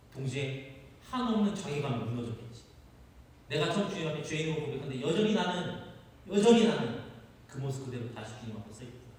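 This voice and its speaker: A man's voice: mid-range voice, a little mellow, slight background noise. A male pastor preaching a sermon, often asking the congregation questions and acting out quotes, heard far off in a chapel hall. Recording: echoey hall, far from mic.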